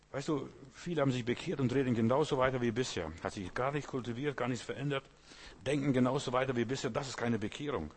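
A man's voice: mid-range voice, slightly rough. A male pastor delivering an emphatic sermon, repeating phrases and asking listeners rhetorical questions.

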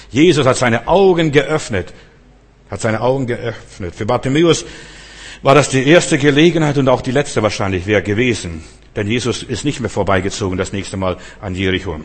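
Male preacher, fervent sermon delivery, husky tone, big reverberant hall. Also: fairly low pitch. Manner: fervent, addresses listeners directly with repeated "weißt du"; repeats phrases for emphasis, some stumbles.

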